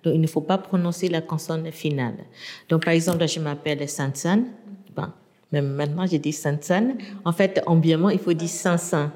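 A woman's voice: low-pitched, steady tone, fairly quick, dark tone, in a large hall. A native Burmese-speaking woman, a university lecturer, explaining her language in an interview with hesitant, restarting speech.

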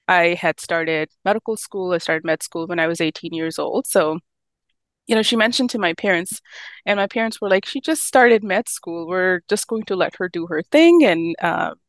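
Friendly low-voiced woman from Pakistan. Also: smooth, dry recording. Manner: friendly, laughs easily, storytelling. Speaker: physician guest. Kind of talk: casual interview talk.

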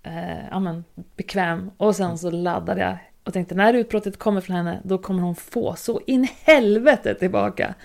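A woman in casual chat, telling a work story in a lively, filler-heavy way. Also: on the low side, creaky, few pauses.

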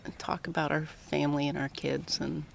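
Walking a coastal path outdoors, a middle-aged American professor from Colorado chats casually in an interview. She speaks fairly quickly in a low, flat voice with vocal fry. The recording is rough, with light outdoor ambient noise.

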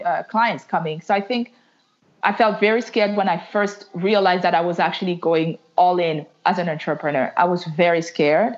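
Telling stories openly in an interview, a guest entrepreneur from Canada, a French speaker by birth, talks in a low, chatty voice, restarting sentences and saying "like" a lot. The sound is muffled, lo-fi quality.

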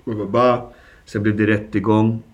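A man's voice: fairly low pitch, level tone. A man in his forties from the Stockholm suburbs, recounting his past in a candid interview with slangy, vivid retelling and sound effects. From Stockholm suburbs, Sweden. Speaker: guest.

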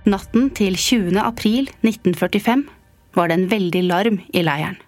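A woman narrating a scripted history story in a calm, even way. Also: mid-range voice, dry recording. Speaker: podcast narrator. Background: faint music.

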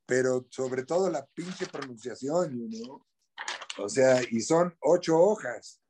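This middle-aged Mexican actor talks candidly in a relaxed interview, his medium-pitched voice unhurried against a noisy background. He leans on slang and circles back over the same words while working out what he wants to say.

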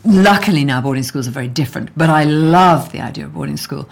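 Low-voiced English woman, reflective. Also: fast talker, gravelly. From England. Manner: reflective, earnest, with frequent restarts. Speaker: guest. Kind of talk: conversational interview over lunch.

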